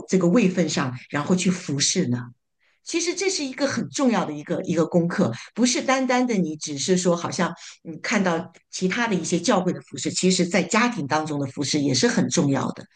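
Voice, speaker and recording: A woman summarizing her church small group's discussion in a casual, halting way, with frequent fillers and repeated words. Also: on the low side. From living in North America.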